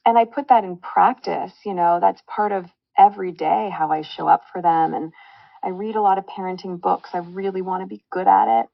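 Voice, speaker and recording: Woman, podcast guest, heartfelt, reflective, gravelly tone, dry slightly dull recording. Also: fairly low pitch, animated, fairly quick, no room sound. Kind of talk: casual podcast chat.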